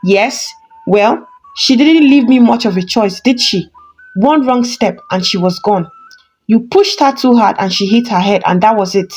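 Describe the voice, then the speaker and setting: A woman's voice: on the high side, measured pace, darkish tone, husky, faint music behind. A woman voicing a cold, scheming male pastor, hissing in anger in a storybook narration. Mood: furious. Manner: cold and calculating.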